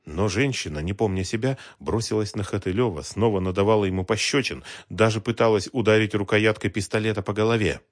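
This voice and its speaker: A man reading a crime novel aloud, with expressive, dramatic narration. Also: fairly low pitch, fairly quick, hardly any pauses, no echo, studio quality. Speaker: audiobook narrator. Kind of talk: scripted narration.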